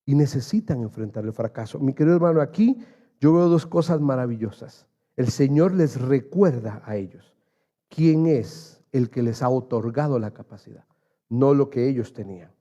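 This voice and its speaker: Earnest preaching man, mellow voice. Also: medium pitch, moderate pace. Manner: earnest, builds to emphatic raised passages, addresses listeners as dear brother. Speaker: pastor. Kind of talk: sermon. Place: church.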